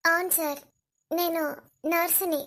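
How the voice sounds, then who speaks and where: A woman voicing a young woman posing as a nurse in an animated family drama, pleading and insistent. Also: extremely high pitch, measured pace.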